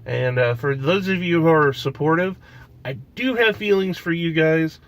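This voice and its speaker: A man's voice: fairly high pitch, moderate pace, a bit bright. A young man with a stuffy nose, talking casually in a vlog and rambling with fillers and restarts. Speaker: vlogger.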